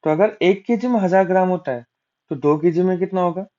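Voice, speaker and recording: A man with a high, mellow voice that runs a little fast teaches exam-prep maths, working problems out loud one step at a time and answering his own questions. He weaves English maths terms into Hindi, and the audio is dull and lo-fi.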